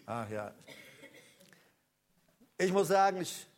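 A high-pitched man preaching with fervor, calling his listeners to stand up and stop complaining. He addresses them directly, building to loud rallying cries and then dropping to quiet, confiding asides. His delivery is emphatic and rousing throughout. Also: sing-song, takes it slowly. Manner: swings between loud calls and low intimate asides. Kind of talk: charismatic sermon.

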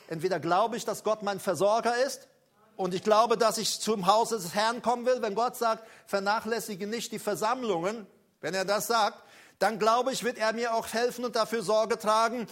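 A high-pitched man preaching with fervor, calling his listeners to stand up and stop complaining. He addresses them directly, building to loud rallying cries and then dropping to quiet, confiding asides. His delivery is emphatic and rousing throughout. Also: moderate pace. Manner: swings between loud calls and low intimate asides. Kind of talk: charismatic sermon.

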